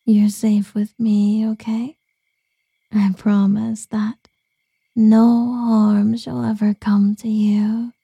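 A woman's voice: medium pitch, vocal fry, husky, no echo, clean studio sound, heavily acted. A woman playing a whispering, doting succubus. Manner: soft whispering, cooing pet names. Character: seductive, doting female succubus lover. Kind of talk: ASMR roleplay.

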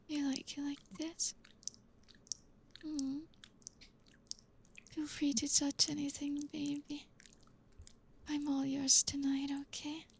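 A young woman whispering softly in an intimate ASMR roleplay, reassuring and coaxing, with frequent low hums. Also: monotone, gravelly, a little hiss or hum. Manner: soft unvoiced whispering, slow and soothing.

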